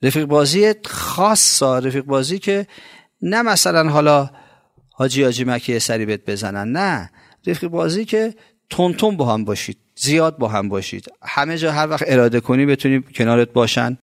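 A man with an Iranian Persian accent giving a colloquial religious sermon, talking conversationally and swinging between raised, emphatic lines and low, drawn-out phrases. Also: expressive, no room sound, clean studio sound. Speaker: preacher.

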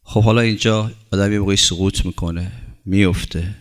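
A man's voice: sits low, fairly even intonation. A man preaching a sermon as a religious teacher, building his points through long runs of short, repeated phrases and reciting Arabic scripture before explaining it.

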